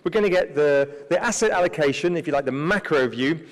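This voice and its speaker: Male emcee, slightly higher voice, chatty and upbeat, echoing event hall. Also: lively intonation, fairly quick. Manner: chatty, upbeat, joking with the audience. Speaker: event moderator. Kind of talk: live event hosting. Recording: long hall reverb.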